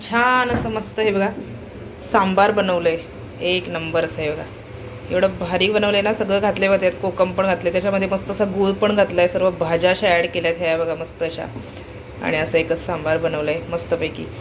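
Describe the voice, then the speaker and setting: A woman's voice: on the low side, steady tone, brisk, noisy background. A woman from Konkan chatting at home as a family vlogger, talking straight to her viewers and keeping them looking at what she shows. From Konkan, Maharashtra. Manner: chatty, keeps calling viewers to look. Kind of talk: casual vlog chat to viewers. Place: at home, in the kitchen.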